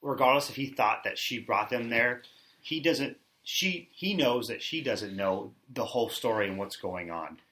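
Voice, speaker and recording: A man's voice: medium pitch, animated, moderate pace, bright, forceful tone. A man co-hosting a casual podcast, arguing his opinion at length. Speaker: podcast co-host.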